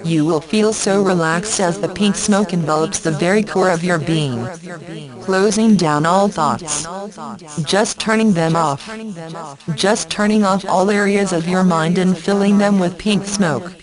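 A woman with a slightly low voice talks slowly through a guided hypnosis session. Her delivery is soft, repetitive and coaxing. Overlapping copies of her own voice murmur beneath her, like a layered crowd. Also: rough recording.

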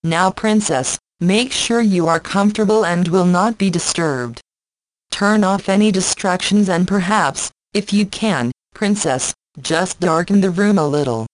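Soft-spoken woman with a lowish, coaxing voice. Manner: slow, soft, repetitive, coaxing. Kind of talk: guided hypnosis recording. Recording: voice layered with its own overlapping echo track.

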